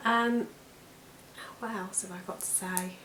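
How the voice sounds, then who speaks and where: British woman vlogging casually, croaky from allergies, chatty, echoey room w a bit of background noise. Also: mid-range voice, steady tone, a little slow. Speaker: weight loss vlogger. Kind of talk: casual chat to camera.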